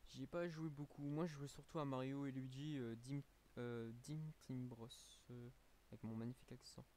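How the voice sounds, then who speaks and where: Tired French streamer chatting casually. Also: male voice, medium pitch, fairly even intonation, fairly quick, a little mellow, a little hiss or hum. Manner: rambling, many fillers and restarts. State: a little tired. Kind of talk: casual live-stream chat.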